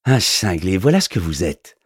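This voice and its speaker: A man's voice: low voice, sing-song, normal speed, slightly rough, exaggerated voice. A man voicing a round, bald, sunburned mailman who teases and giggles in an audiobook. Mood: mocking. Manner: teasing, chuckling, nosy questions. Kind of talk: audiobook character voice.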